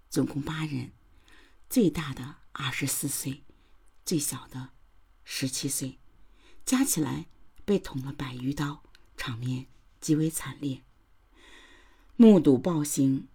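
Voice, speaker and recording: A woman's voice: deep voice, warm tone, slightly rough. A woman hosting a podcast, giving grave, dramatic scripted true-crime narration that sometimes drops to a whisper. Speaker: podcast host.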